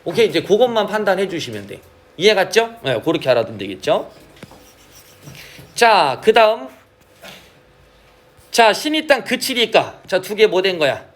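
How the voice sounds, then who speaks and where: Lively high-voiced male teacher. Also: moderate pace, pauses often. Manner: asks frequent check questions, drawls key terms. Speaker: Korean literature teacher. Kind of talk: classroom lecture.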